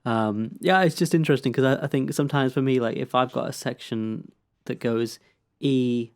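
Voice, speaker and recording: A man co-hosting a songwriting podcast, speaking at a middling pitch. He asks curious, detailed questions about chords. His tone stays relaxed and playful. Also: normal speed. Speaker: podcast co-host. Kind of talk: casual chat about songwriting.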